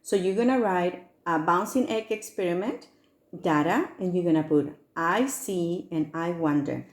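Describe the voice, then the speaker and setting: A woman's voice: lowish voice, moderate pace. A woman with an upbeat, sing-song children's presenter manner, guiding young kids step by step through a science demonstration. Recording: echoey room.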